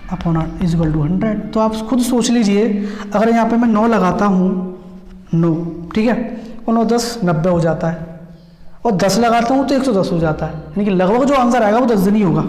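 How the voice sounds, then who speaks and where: Maths teacher in an echoey room. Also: male voice, sits high, darkish tone. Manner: repetitive step-by-step explaining, frequent check-ins. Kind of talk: exam-prep maths lesson. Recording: echoey room with long reverb.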